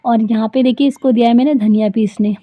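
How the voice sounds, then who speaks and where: A woman's voice: fairly high pitch, fairly even intonation, fast talker, no echo. A woman in her thirties, a vlogger and homemaker, talking in a chatty, rambling way full of fillers as casual vlog voice-over. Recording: dry, thin phone-like sound.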